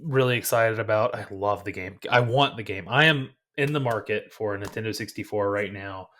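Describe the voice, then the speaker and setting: A man's voice: fairly low pitch, fairly quick, a bit bright. A man co-hosting a movie podcast in casual chat, earnest and enthusiastic. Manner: earnest, enthusiastic, self-correcting. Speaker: podcast co-host.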